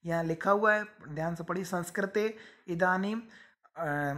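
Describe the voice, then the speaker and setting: A woman teacher explaining a lesson, spelling out sounds one by one in a careful, deliberate way. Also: fairly low pitch, fairly bright tone. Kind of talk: classroom lesson.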